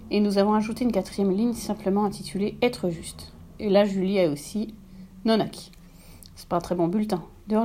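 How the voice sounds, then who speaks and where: A woman narrating a children's story in a gentle, steady manner. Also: mid-range voice, a little hiss or hum. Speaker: reader.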